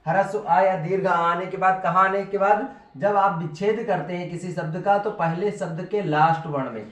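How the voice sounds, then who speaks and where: Echoey high-voiced male teacher. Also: moderate pace, a bit bright, muffled recording. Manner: patient, repetitive, checks in with "ठीक है". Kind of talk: classroom grammar lesson at a board. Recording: echoey room, voice from far off.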